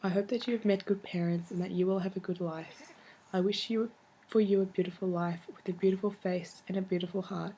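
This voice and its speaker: A woman's voice: medium pitch, fairly even intonation, brisk, mellow, breathy edge, low-quality recording. A woman reading a heartfelt love letter aloud in a tender, earnest way, with some background noise.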